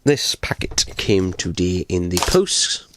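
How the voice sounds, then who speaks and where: Speaking slowly in a low, sing-song voice, this unboxing vlogger rambles through his items in a small room at home, full of fillers and casual swearing, still sore from a fall. He uses a close desk microphone, and there's background noise.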